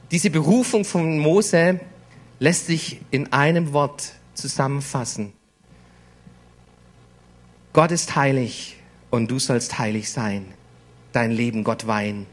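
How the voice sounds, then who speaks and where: A man delivers a sermon with a high-pitched voice. He speaks slowly and deliberately. He leans on repeated words for weight. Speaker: preacher.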